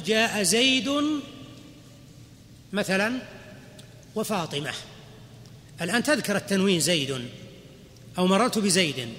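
High bright sheikh lecturing. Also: male voice. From Saudi Arabia. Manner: explains step by step, quizzing the class with quick questions. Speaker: sheikh teaching Arabic grammar. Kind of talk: classroom lecture. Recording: reverberant hall, faint background noise.

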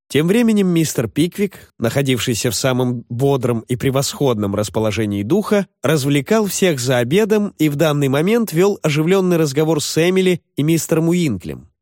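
A man reading a classic novel aloud as an expressive audiobook narrator. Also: medium pitch, no room sound. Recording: dry close audiobook recording.

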